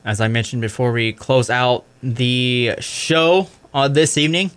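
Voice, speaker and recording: Young man, sports host, casual recap, self-correcting, filler-heavy, mid-pitched voice. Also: steady tone, a little slow, a bit bright, clean tone. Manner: casual, fills with "I mean", corrects himself. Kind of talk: college radio sports recap.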